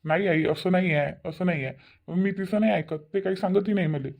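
A grown son in a cartoon tries to settle a family quarrel in a mid-pitched voice. He sounds placating and questioning, caught between his mother and his wife. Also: fairly quick, creaky. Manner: placating, calming. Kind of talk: cartoon voice acting.

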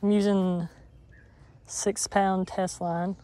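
Speaking slowly in a high, mellow, flat voice, a man narrates his pond fishing for a vlog. His commentary is casual and meandering, full of self-corrections, and recorded outdoors with a camera strapped to his chest.

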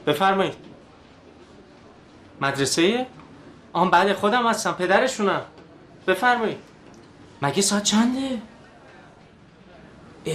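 A weary, placating husband. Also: male voice, high-pitched, a bit bright, slight background noise. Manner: polite, placating, exasperated. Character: henpecked office-working husband, patient and weary. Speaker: harried father and husband. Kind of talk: TV comedy series acting.

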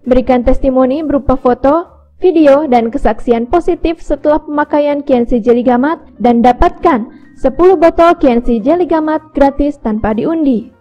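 A woman reading a scripted product advertisement in an even, upbeat sales voice, slowing down to read out numbers. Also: sits high, faint music behind, poor audio. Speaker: ad narrator.

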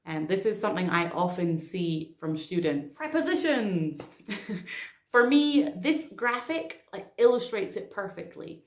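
Slow-spoken woman teaching grammar. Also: lowish voice. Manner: clear, explanatory, with dry humor. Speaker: English teacher. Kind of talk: online grammar lesson. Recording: echoey room.

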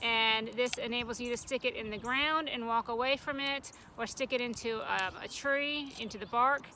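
A middle-aged American woman who works as an extension forester and instructor gives an informal, plain-spoken demonstration outdoors in a grassy, tree-lined park. Her voice is fairly high, bright, and forceful at a moderate pace, with outdoor ambient noise in the background.

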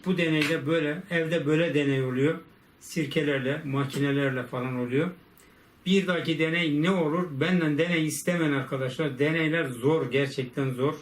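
A man with a fairly high voice hosts a casual repair vlog, grumbling and exasperated as he talks half to himself and half to his viewers. A faint hum of background noise sits under his voice. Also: brisk. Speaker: repair video host. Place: home repair workshop.

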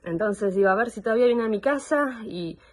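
A young woman with an Argentine accent gives personal testimony over a video call, halting and searching for words. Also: on the high side, animated. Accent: Argentine Spanish. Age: young adult. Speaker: complainant in a psychological assessment.

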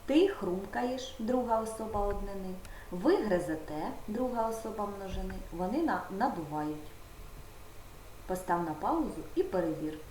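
A woman's voice: medium pitch, lively intonation, normal speed, dark tone. A woman teaching a primary school video lesson, patiently guiding the pupil step by step. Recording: roomy echo with faint background noise.

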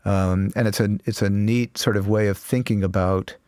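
A man who is a mastering engineer, giving measured technical explanations as an interview guest. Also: lowish voice, fairly even intonation, a little mellow, clean tone, no room sound, studio quality.

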